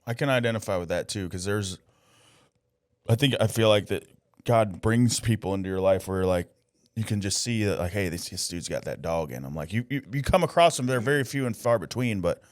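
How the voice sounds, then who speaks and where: A man's voice: on the low side, expressive, a little fast, no room sound. Laid-back man in his thirties, dry sound. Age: 30s. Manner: laid-back, casual slang. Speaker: podcast host. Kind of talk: casual conversational interview.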